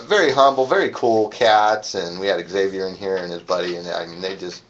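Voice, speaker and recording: A man with a lowish voice hosts a loose live-stream chat and talks at length in a rambling way. He laughs often between stories. The audio is dull and lo-fi. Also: brisk, a little hiss or hum. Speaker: show host.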